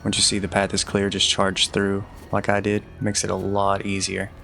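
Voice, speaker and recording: With faint game music behind him, a young gameplay guide commentator walks through a video game in a relaxed, instructive manner, occasionally making fun of his own slip-ups. He speaks at a normal speed in a low, gravelly voice with a flat, even delivery.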